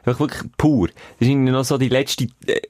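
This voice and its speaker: A man's voice: mid-range voice, fairly even intonation, fast, darkish tone, no echo. A man with a Swiss German accent co-hosting a podcast in casual chat, joking and teasing. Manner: joking, teasing, laughs often. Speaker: podcast co-host.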